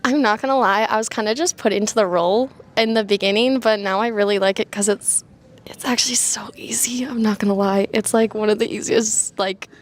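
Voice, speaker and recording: A woman's voice: mid-range voice, steady tone, fairly quick. A young woman who presents the weather on a student show, talking in a candid, offhand way. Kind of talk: casual interview answers.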